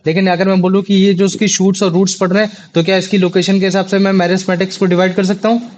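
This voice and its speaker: Teaching an online class by video call, this young man talks chattily and keeps repeating questions to confirm his students understand. His high, darkish voice moves fast with a flat delivery, and the call sounds dull and lo-fi.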